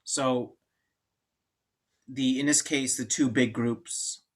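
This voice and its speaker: A man's voice: medium pitch, fairly even intonation, slow. A man lecturing on chemistry in an informal, joking way, thinking aloud and restarting sentences. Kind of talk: classroom lecture.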